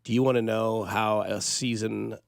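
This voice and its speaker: A man's voice: on the low side, steady tone, normal speed, creaky, no room sound, clean studio sound. A man hosting sports radio with casual banter.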